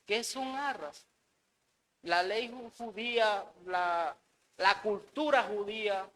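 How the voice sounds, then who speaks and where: A man's voice: sits high, sharp tone, poor audio. A married man preaching a sermon in an earnest way, often repeating words and saying amen. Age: adult, married.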